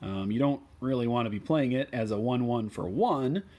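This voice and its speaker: A man's voice: mid-range voice, moderate pace. Midwestern man talking through card picks. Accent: Midwestern American. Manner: relaxed, many ums and uhs. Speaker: deck tech host. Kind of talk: card game deck explanation.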